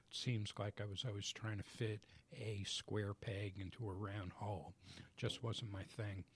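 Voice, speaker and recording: A man guest on a business radio show in a studio, explaining his coaching work in a measured, methodical way. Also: on the low side, husky. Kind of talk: radio interview answers.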